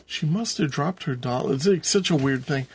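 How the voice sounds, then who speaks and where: A man's voice: a little high, expressive, moderate pace, background noise. A man hosting a podcast, recapping a show in casual, rambling conversation. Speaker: podcast host. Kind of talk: casual episode recap chat.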